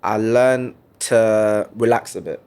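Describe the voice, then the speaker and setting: A man's voice: lowish voice, steady tone, slow pace, a little mellow, smooth. A man, hosting a podcast and telling stories in a laid-back, slangy way. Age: 20s. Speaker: podcast host. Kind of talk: casual chat.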